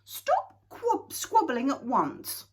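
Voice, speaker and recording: A woman voicing a kind, calm mother creature who speaks in a serious, motherly way in a storybook reading. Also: a little high, measured pace, breathy edge, pitched above the performer's own voice, full character voice. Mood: firm.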